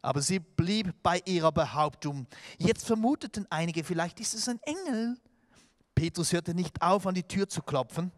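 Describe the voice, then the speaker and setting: A man's voice: high-pitched, moderate pace. A man preaching a sermon in a church, telling stories animatedly with restarts and filler sounds. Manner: animated storytelling with acted-out quotes. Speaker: pastor.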